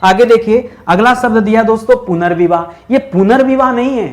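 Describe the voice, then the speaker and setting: A man teaching a Hindi exam-prep lesson in a brisk, chatty way, drilling with repeated questions and answers and teasing his students. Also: high-pitched.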